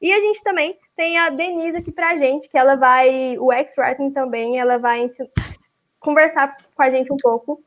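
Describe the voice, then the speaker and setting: Over a video call with lo-fi online audio, a chapter leader and event host from Brazil runs a live online event. She has a high voice and a moderate pace, with a Brazilian Portuguese accent, and chats along with many fillers and restarts.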